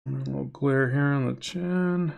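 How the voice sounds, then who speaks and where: A comic artist streaming himself drawing rambles casually to viewers and reads chat aloud in a nasal, gravelly voice. It has a darkish tone at medium pitch, delivered a little slowly.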